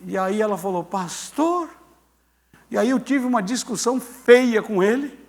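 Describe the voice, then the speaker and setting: A pastor in his sixties, speaking a little fast in a high-pitched voice, tells a story as part of his sermon. He delivers it with animation and mimics the people he quotes.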